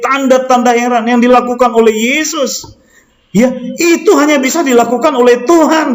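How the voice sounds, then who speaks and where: A man delivers a sermon in a very high voice. He pushes his listeners with repeated rhetorical questions and addresses them as brothers and sisters. His voice rings through a roomy hall with a long, echoing tail. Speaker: preacher. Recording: echoey hall.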